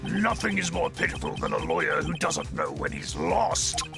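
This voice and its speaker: A man's voice: on the high side, wildly swooping pitch, moderate pace, gravelly, full character voice. A man voicing a cold, arrogant veteran male prosecutor in a scornful, imperious manner, in a live fan voicing of a game. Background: game music.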